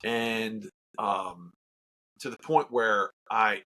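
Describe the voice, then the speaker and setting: A man's voice: fairly low pitch, extremely slow, sharp tone. A man who works as a charity auctioneer, telling his story in a casual interview with earnest emphasis and repeats.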